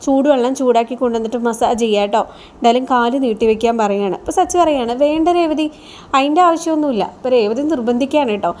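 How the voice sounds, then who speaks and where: A woman casually retelling a TV serial episode in a brisk, chatty way. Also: on the high side, mellow. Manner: brisk, chatty, tags lines with 'you know'.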